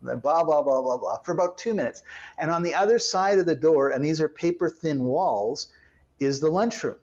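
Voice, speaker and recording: A man's voice: on the high side, normal speed, muffled recording. A man telling a workplace story in a conversational interview, acting out the voices of the people in it. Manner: animated storyteller, acts out quoted voices.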